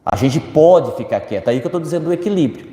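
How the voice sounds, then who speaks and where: A man's voice: a little high, fast. A man with a Brazilian accent giving a spiritist lecture, answering audience questions and acting out the quoted voices of others. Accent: Brazilian Portuguese. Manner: lively, acts out quoted voices, speaks to the audience directly. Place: lecture hall. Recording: echoey hall reverb.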